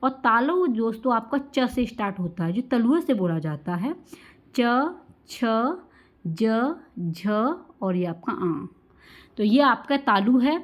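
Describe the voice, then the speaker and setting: A woman teaching an exam-prep grammar lesson, calling her viewers friends, asking questions and answering them herself, and drawing out example sounds slowly. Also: fairly high pitch, expressive. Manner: addresses listeners as friends, asks and answers own questions.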